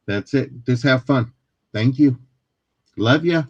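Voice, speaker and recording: A man's voice: mid-range voice, takes it slowly, no room sound, dull audio. A man casually explaining shop rules in a live sale, joking and reassuring, laughing often.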